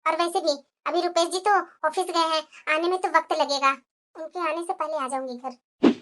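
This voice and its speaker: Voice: very high voice, animated, brisk, pushed and bright, heavily acted. A voice actor playing a lazy, self-centred young wife in a cartoon, complaining and muttering asides to herself. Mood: scheming. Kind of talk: cartoon voice acting.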